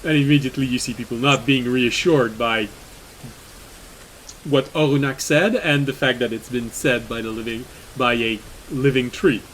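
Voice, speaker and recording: A man's voice: mid-range voice, normal speed, fairly bright tone, poor audio. A man narrating a tabletop game as game master, chatty, with fillers and laughs. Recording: faint hiss in the background.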